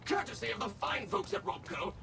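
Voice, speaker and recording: Too-smooth servile android guide. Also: male voice, high-pitched, lively intonation, a little fast, full character voice. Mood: chipper. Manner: courteous, eager-to-serve, scripted. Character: smooth, overly polite male robot tour guide. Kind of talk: video game voice acting.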